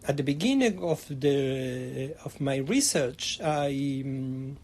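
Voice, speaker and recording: In a slow, darkish, medium-pitched voice, this middle-aged man from Argentina, a history professor, works through an academic interview with frequent fillers and false starts. He sounds hesitant as he responds.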